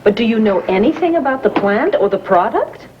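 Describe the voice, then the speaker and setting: An actress playing a poised businesswoman who speaks in a measured, questioning way, in 1980s daytime soap acting heard from a worn VHS tape copy. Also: fairly high pitch, animated. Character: grown woman, businesswoman owning a factory. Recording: muffled hissy worn videotape of a TV broadcast.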